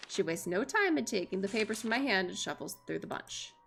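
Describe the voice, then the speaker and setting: A woman's voice: mid-range voice, very animated, a little fast, gravelly, a bit bright, a little hiss or hum. A woman streamer reading a visual novel aloud expressively, with casual, sweary reactions of her own.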